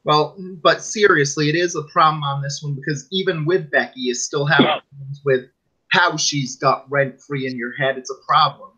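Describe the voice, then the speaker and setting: Slightly high and husky, his voice sounds pushed and bright, with a steady tone at normal speed. He's co-hosting a casual wrestling podcast, rambling, arguing, and quoting fans in mock voices over dull, lo-fi audio.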